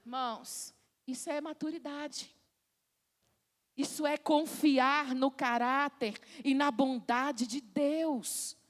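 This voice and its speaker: A woman's voice: high-pitched, steady tone, takes it slowly. A woman pastor with a Brazilian Portuguese accent, preaching a fervent sermon and calling out to the congregation in a church. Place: church sanctuary. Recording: long church-hall reverb.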